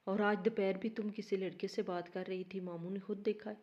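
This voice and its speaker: A woman's voice: medium pitch, little pitch movement, muffled recording, natural voice. A torn young husband, read by a woman.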